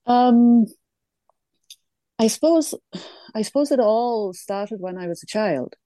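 An English-born woman now living in Ireland answers interview questions as a guest, reflective and hesitant, restarting often and laughing softly. Her voice is fairly high with lively intonation, slow and mellow, in a dry recording.

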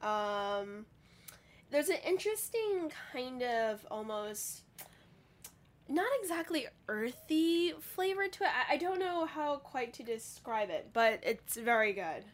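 A woman's voice: high-pitched, big pitch swings, slow. A woman who works as a radio engineer, talking in an easygoing, playful way. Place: back booth of a radio studio.

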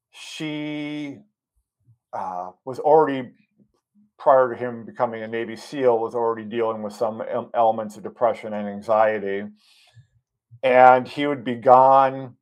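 A man being interviewed as a guest, a doctor, telling a long story in an earnest, halting way, with many ums and restarts and audible emotion. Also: mid-range voice, darkish tone. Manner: emotionally moved while recounting.

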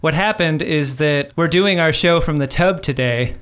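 Higher-voiced male podcast host. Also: normal speed, a bit bright, clear, resonant tone. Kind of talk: casual podcast chat. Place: bathtub in a home bathroom. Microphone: microphone on a boom.

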